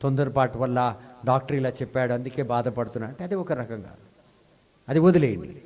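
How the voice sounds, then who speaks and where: Holding a handheld mic in a healing service hall, a man leads a call-and-response sermon with his congregation, frequently building to drawn-out, emphatic lines. He speaks briskly in a mid-range voice with a darkish tone.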